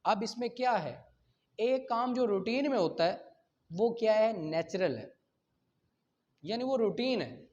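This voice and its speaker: A Pakistani-accented law teacher lectures by reading statutes, then explaining them, with rhetorical questions and checks on student understanding. His high, darkish voice has lively intonation but moves a little slowly and pauses often. The recording sounds dull and lo-fi.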